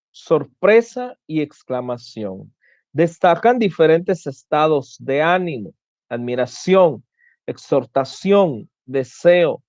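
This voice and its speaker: A man's voice: on the high side, a little mellow, no echo. A man teaching an online class, explaining step by step and often restarting his phrases. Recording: dull lo-fi dry sound.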